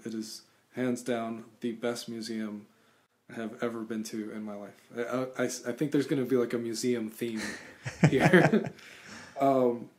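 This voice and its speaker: Man born in Cuba, thirties, reflective guest, halting speech with restarts, webcam call from a home room. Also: medium pitch, a little mellow. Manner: thoughtful, halting, many restarts and fillers. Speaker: guest musician. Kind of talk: reflective interview answers. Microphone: webcam on video call.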